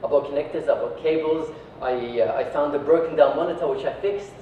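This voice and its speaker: Fairly high in pitch and fairly quick, the voice belongs to a company founder from Iraq giving a relaxed, conversational talk and frequently adding "right" or "yeah" to his sentences. The mic sits far away in an echoey indoor venue, leaving the audio dull and lightly noisy.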